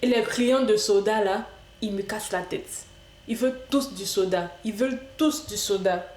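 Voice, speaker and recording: A woman chats her way through a game in a playful, talkative manner, addressing the on-screen customers as if she were really serving them. Her voice sits at a middling pitch, and the recording carries a noticeable room echo. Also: normal speed, a little mellow. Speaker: gaming video creator. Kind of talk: casual gameplay commentary. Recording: echoey room.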